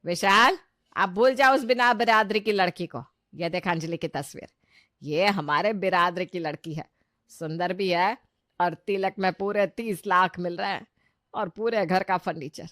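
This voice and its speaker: A woman's voice: lowish voice, steady tone, unhurried, a bit bright, dry recording, clean studio sound. A woman voicing a pushy, middle-aged mother-in-law in a cartoon who talks insistently and coaxingly.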